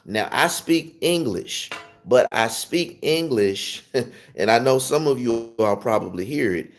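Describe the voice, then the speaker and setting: With a mid-range, expressive voice at a slightly slow pace, a Memphis, Tennessee music teacher talks viewers through an informal lesson in his Southern US accent, emphatically saying things again and in new ways.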